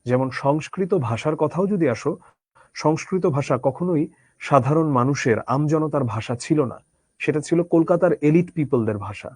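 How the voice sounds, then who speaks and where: A man's voice: on the high side, animated, moderate pace, darkish tone, breathy edge, no room sound. A man teaching a literature lesson conversationally, asking his students rhetorical questions. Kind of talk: Bangla literature lecture.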